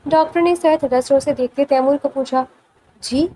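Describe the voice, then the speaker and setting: A woman narrating a romance novel with dramatic, expressive storytelling. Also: high-pitched, slight background noise, rough recording.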